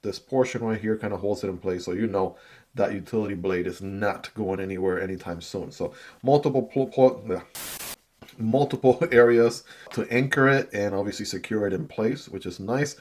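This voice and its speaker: In a casual product review, a man whose first language is Chinese unboxes a knife and chats about it, repeatedly saying "right?" and "I gotta tell you." His voice is fairly low and darkish, at a moderate pace.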